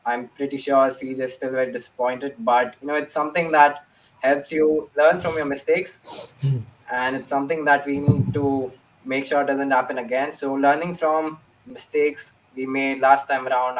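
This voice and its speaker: A man's voice: mid-range voice, little pitch movement, moderate pace. Young man, far from the mic. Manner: earnest, repeats his key phrases. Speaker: esports player. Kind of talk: casual interview answers. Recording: voice distant from the mic.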